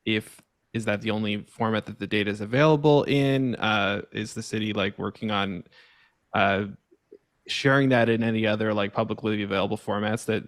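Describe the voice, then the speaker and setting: A man in the audience puts a long question to the speaker. He hesitates often and leans on fillers. His voice is low and flat in pitch, and the sound is dry, with no room echo. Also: moderate pace. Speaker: audience member asking a question.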